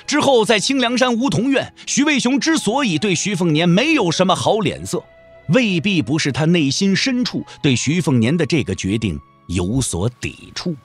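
A man tells a martial-arts epic as a dramatic storyteller, his husky voice sitting fairly high for a man and swinging widely in pitch with a sing-song lilt. He speaks at a normal speed over faint background music.

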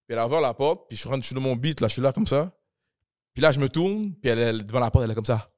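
A man in his 20s, a guest on a podcast, chats casually at a rapid clip in a medium-pitched voice, recorded at studio quality with no room sound. He tells stories in an animated way, acting out his family members' lines and mixing English phrases into his sentences.

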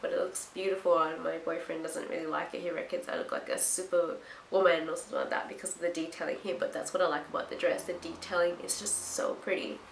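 Low-pitched, congested nasal young woman. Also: little pitch movement, quick pace, creaky. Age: young adult. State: sick with blocked nose and itchy throat. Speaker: fashion haul vlogger. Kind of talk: casual chat to camera. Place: small hard-walled room indoors. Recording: roomy echo, faint background noise.

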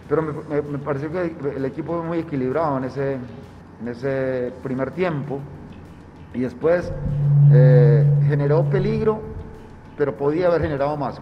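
Middle-aged male football coach, halting press conference answers, echoing room, dull sound. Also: fairly high pitch. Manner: halting, searching for words. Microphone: table mic, speaking through cloth mask. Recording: reverberant, dull sound with faint music.

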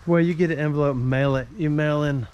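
A man's voice: a little high, fairly even intonation, fairly quick, darkish tone, highs cut off, a little hiss or hum. A man giving casual, joking commentary while walking around an old rural churchyard cemetery. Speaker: explorer vlogger. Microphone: camera mic while walking.

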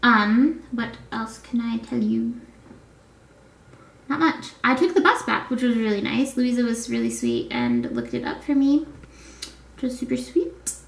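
A woman in her twenties talks casually to her camera in an echoey small room. Her voice sits a little high with plenty of creak, and she rambles from one thought to the next over faint noise. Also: sing-song, unhurried. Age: 20s. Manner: rambling, easily distracted. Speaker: vlogger. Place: small indoor apartment room. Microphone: camera at arm's length.

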